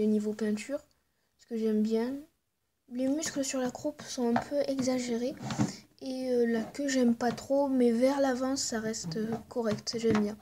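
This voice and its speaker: A woman talks through her collection in a relaxed show-and-tell vlog. Her voice sits a little high, and she hesitates often, with frequent fillers and soft, half-whispered asides. A faint hiss sits under the recording. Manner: hesitant, full of "euh" and "voilà" fillers. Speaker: vlogger showing her figurine collection.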